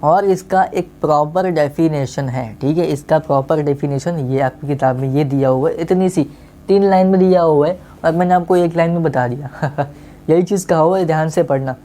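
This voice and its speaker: A man's voice: on the high side, fairly even intonation, normal speed, mellow. A male teacher gives a casual online maths lesson, coaxing his students and often checking that they have understood.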